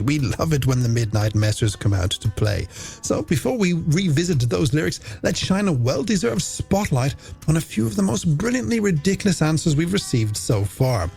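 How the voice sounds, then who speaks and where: A man hosts a late-night music radio show over a music bed, talking playfully and directly to his listeners. His voice is fairly high, gravelly, and somewhat mellow.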